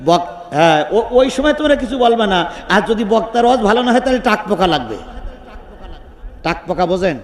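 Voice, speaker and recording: A man preaching a Bengali waz sermon at an outdoor gathering, telling stories with animated force, shouting at the peaks and questioning the crowd through a microphone. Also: sits high, moderate pace, in a large hall.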